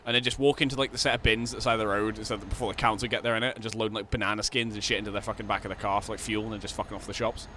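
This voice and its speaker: Brief: casual Scottish gaming streamer, swears constantly, faint background noise. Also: male voice, lowish voice, steady tone, racing, hardly any pauses, bright, forceful tone. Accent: Scottish, Glasgow. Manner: rambling, heavy swearing, frequent laughter. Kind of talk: casual live-stream chat while gaming.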